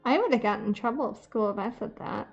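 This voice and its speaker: A woman's voice: a little high, animated, fast talker, vocal fry. A woman artist chatting casually while she draws on a live stream, thinking aloud and laughing easily. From United States. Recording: dull lo-fi stream audio with faint music.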